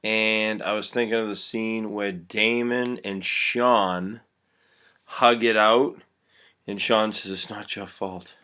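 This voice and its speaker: A man's voice: lowish voice, fairly even intonation, slow, bright, forceful tone, smooth. A man casually retelling a movie scene his own way, rambling and swearing a lot. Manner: crude, rambling, profane. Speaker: vlogger.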